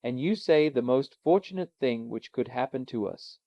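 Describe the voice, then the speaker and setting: A man's voice: medium pitch, animated, normal speed, warm tone, dry recording, close to an everyday voice. A man voicing a frightened, exasperated young man who speaks in fierce, angry tones. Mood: alarmed. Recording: dull, lo-fi, dry.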